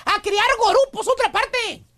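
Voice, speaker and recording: Very high voice, woman, Mexican accent, rowdy slangy radio host, teasing. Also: unhurried, heavy background noise. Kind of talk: comic storytelling on morning radio.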